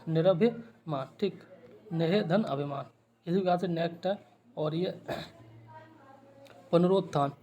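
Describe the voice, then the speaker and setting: A man's voice: high-pitched, mellow, lo-fi sound. A man teaching Hindi spelling, going word by word and checking in after each point. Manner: spells out letters slowly.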